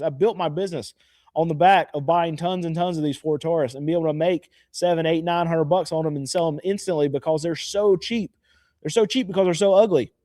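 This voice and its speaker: A man's voice: a little high, mellow, dry recording, clean studio sound. A man who runs a used car lot, chatting casually and grumbling in a mock-sad way, with lots of restarts. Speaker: used car dealer and channel host. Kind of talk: casual chat to camera.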